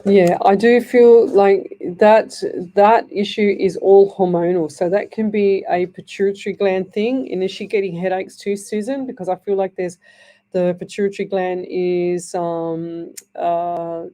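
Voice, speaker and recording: This psychic medium, originally from Northern Ireland but speaking with an Australian accent, hosts a live studio radio show and reads messages in a meandering, reassuring way. Her voice is mid-range, dark and steady, unhurried, with a dry, scratchy quality.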